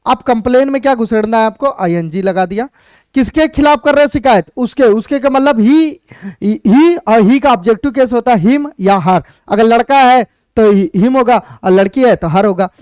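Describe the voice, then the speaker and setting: A teacher explaining English grammar in Hindi, going step by step, asking questions and answering them, and slowing down to spell out each example sentence. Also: mid-range voice, a little mellow, no echo.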